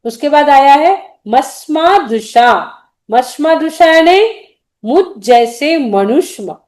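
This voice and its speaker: A middle-aged woman teaching a devotional hymn, explaining pronunciation syllable by syllable and chanting the verses slowly. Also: high-pitched, expressive, darkish tone. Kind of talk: recitation lesson with chanted verses.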